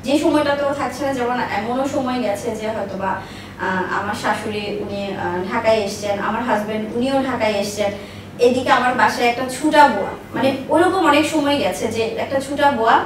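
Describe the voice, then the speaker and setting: This woman's voice sits on the high side and moves briskly. In her thirties and running her own business, she shares personal stories as an interview guest, stressing points emphatically and by repeating herself. Recording notes: an echoey space, a faraway mic, and faint noise.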